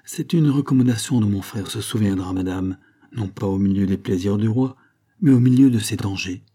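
A man's voice: on the low side, moderate pace, dark tone, close to an everyday voice. A man reading aloud voices a serious nobleman who speaks to his queen with earnest, solemn conviction. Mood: restrained. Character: loyal, grave nobleman, bold but respectful.

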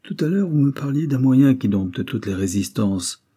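A man voicing a stern young duke who passes sentence in firm, measured words. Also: mid-range voice, animated, mellow, breathy edge, voice pushed up.

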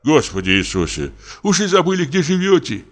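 A man voicing a meek, gentle old theater prompter who speaks in a slow, deferential, soothing way. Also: fairly high pitch, big pitch swings, big-room sound, voice pushed up. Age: older. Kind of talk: audiobook character reading.

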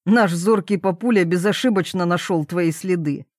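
A woman's voice: on the low side, normal speed, darkish tone, no echo, clean studio sound, close to an everyday voice. A woman voicing a playful young adult brother with a teasing manner.

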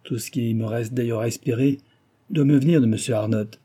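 A bitter, ruined gentleman in an audiobook, proud and agitated, his speech pushed up high and loud with resentment, as a male narrator puts him on. The voice is dark and husky underneath. He hammers each phrase with vehemence. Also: fairly quick, close to an everyday voice. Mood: bitter vehement. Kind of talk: audiobook character reading.

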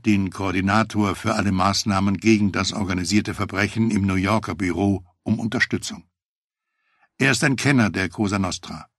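Male audiobook narrator for a true-crime memoir; husky, lowish voice, dry close recording, measured delivery. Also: no echo. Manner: measured, matter-of-fact first-person telling.

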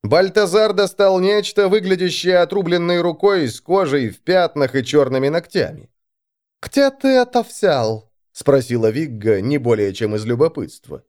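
A man narrating an audiobook in a dramatic, expressive reading. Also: on the high side, moderate pace, few pauses. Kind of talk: scripted narration.

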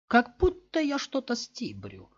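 A man's voice: very high-pitched, wildly swooping pitch, a little slow, breathy edge, voice pushed up, full character voice. A man voicing a careless, scornful sixteen-year-old girl who talks in a drawling, mocking sing-song, in a dull lo-fi recording.

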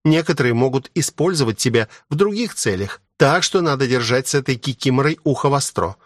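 A man voicing a sharp-tongued older sister who talks in a brusque, scolding way. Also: mid-range voice, expressive, brisk, no room sound, studio quality, voice pushed up, lightly acted.

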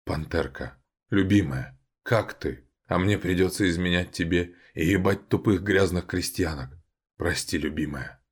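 A man doing a gruff ancient vampire count. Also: sits low, a little slow. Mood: tender.

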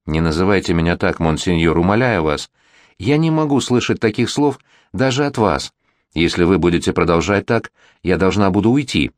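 A man's voice: low-pitched, very animated, normal speed, dry recording, studio quality. A man voicing a virtuous young bride-to-be who pleads with a prince. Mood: pleading.

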